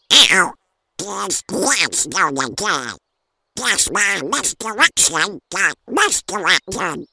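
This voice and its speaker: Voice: medium pitch, gravelly, bright, forceful tone, exaggerated voice. Squawky, scratchy cartoon duck. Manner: theatrical self-narration, blustering. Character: irritable, scheming male cartoon duck, grandiose and put-upon. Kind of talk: amateur comic dub acting.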